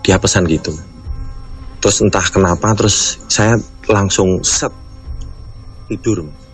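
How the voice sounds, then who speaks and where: A man's voice: low voice, unhurried, soft background music. A man calling in to a radio show, rambling through a ghost story and often addressing the host as "Mas". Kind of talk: casual storytelling on a radio call.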